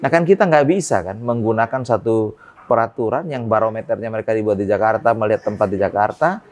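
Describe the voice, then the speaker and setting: Hesitant man rising to emphatic points. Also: a little fast. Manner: many hesitations, rises in pitch when making a point. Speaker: port business guest. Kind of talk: interview answers.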